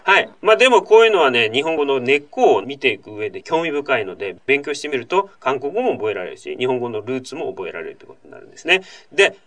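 Man with a lively, wide-ranging voice. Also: mid-range voice, fast talker, hardly any pauses. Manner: chatty explainer, fond of tag questions and asides. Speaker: host. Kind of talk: casual radio-style talk answering a listener letter.

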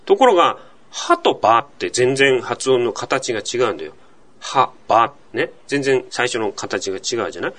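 A man hosting a language-learning podcast, talking through sound rules at a relaxed, explanatory pace. His pitch swings widely as he stresses points, and he keeps checking in with his listener through rhetorical questions. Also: normal speed, hardly any pauses. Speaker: podcast host teaching Korean.

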